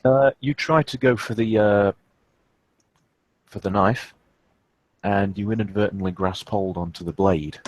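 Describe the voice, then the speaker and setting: A man running a tabletop role-playing game as storyteller, explaining rolls with many pauses and fillers. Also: fairly low pitch, fairly even intonation. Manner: hesitant, lots of fillers.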